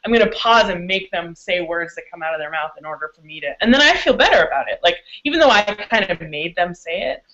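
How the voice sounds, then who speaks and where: A guest expert answering interview questions frankly, with quick laughs, profanity and frequent restarts. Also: female voice, on the low side, expressive, pushed and bright. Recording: dull lo-fi audio.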